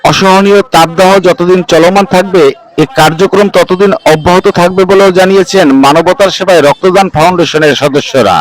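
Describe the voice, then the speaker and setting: A man's voice: high voice, steady tone, a little fast, poor audio. A man reading scripted news narration in a formal manner, as a report voice-over.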